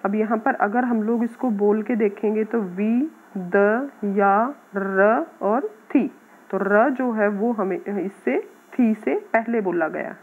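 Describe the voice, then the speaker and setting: A woman teacher patiently explaining a grammar lesson to schoolchildren, sounding out words slowly. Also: medium pitch, breathy edge. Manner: patient, addresses students as "beta", repeats words slowly. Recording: tinny phone-like audio.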